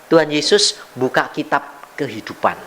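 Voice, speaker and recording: A man's voice: moderate pace, a bit bright, slight background noise. An older man preaching a sermon, telling a story and acting out its dialogue. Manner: storytelling with wide pitch swings and acted-out dialogue. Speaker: evangelist preacher.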